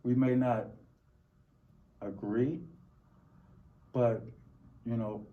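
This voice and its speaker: A middle-aged American man from Los Angeles giving reflective, halting interview answers, often repeating words. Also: mid-range voice, steady tone. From Los Angeles, United States. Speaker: interview guest. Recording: dull, muffled lo-fi recording.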